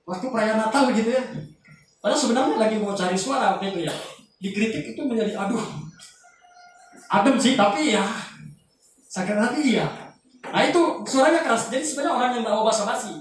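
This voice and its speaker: A man with a fairly high, loud voice gives a casual lecture, joking with his listeners as he goes. He is heard from a distance in a very echoey room, with faint noise behind him. His teaching is animated and full of asides. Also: fairly quick, pauses often. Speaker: youth group speaker.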